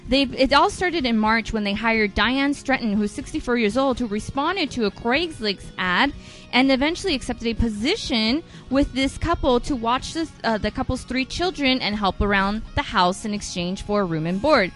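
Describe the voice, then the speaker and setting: A woman's voice: a little high, expressive, normal speed, fairly bright tone, soft background music. A female talk show co-host presenting and explaining news stories in a conversational way.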